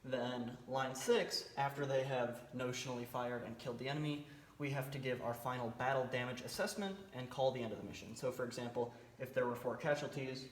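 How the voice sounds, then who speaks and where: A man's voice: mid-range voice, steady tone, fairly quick. A man giving an informal military training briefing, explaining step by step in a plain-spoken, somewhat hesitant way. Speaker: military cadet team instructor. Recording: roomy echo, faint background noise.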